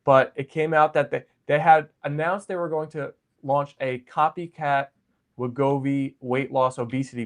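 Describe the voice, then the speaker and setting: A man hosting a casual stock livestream over a video call, his voice in an ordinary middle range. He speaks loosely, sprinkling in "like" and "um" as he asks questions. It sounds like relaxed, unscripted talk. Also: medium pitch. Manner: loose, lots of "like" and "um". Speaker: livestream host.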